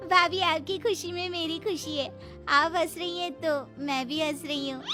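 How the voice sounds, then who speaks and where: Woman playing a sweet college girl, pleading and girly, high voice. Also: unhurried, music in the background. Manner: pleading, girlish. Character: sweet young sister-in-law, college student.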